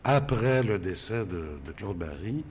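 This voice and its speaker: An older man with a Quebec French accent, a radio guest telling stories of his career in a casual, animated way. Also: on the low side, measured pace, slight background noise. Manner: animated storytelling, exclamatory.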